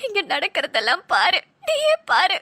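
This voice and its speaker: A woman's voice: very high voice, huge pitch swings, normal speed, sharp tone, no echo, studio quality, exaggerated voice. A woman voicing a tearful, despairing young wife and mother who wails her pleas in a cartoon. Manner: sobbing, wailing pleas. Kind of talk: dubbed cartoon voice acting.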